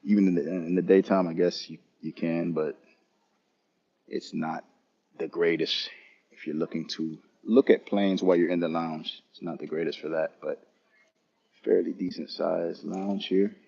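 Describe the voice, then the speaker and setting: Male travel streamer, deep husky voice, casual unhurried tour of an airport lounge. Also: steady tone, warm tone, dull audio. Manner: casual, unhurried, talking to chat viewers. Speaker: travel vlogger. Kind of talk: live-streamed lounge walkthrough.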